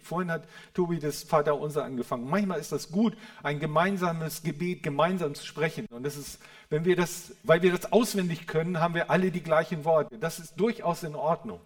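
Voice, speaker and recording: A man preaching a sermon in an earnest way, moving between quiet, reverent passages and loud, fervent ones, often checking in with the listeners. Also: fairly high pitch, brisk, few pauses. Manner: addresses listeners with a questioning "Ja?".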